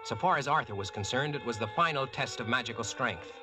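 A man's voice: medium pitch, expressive, fast talker, music in the background, close to an everyday voice. An actor playing a brash, wisecracking American who narrates his own adventure in a slangy, cocky way, in 1940s radio drama style.

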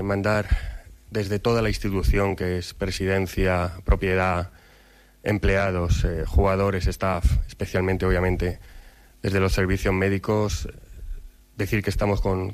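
Man, club representative, deep voice, flat delivery, formal measured statement. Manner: measured, hesitant with fillers and restarts. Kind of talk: formal press-conference statement.

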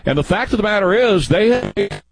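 A man's voice: high voice, expressive, fairly quick, over music, low-quality recording. A man in his early sixties hosting a call-in radio talk show, folksy and rambling with frequent restarts. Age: 60s. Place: radio studio.

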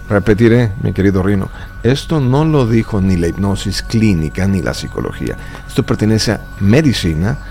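Emphatic gravelly man on radio. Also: fairly low pitch. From Chile, raised in Mexico. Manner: emphatic, lecturing, animated. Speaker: stage hypnotist guest. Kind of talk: radio interview chat. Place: radio studio booth.

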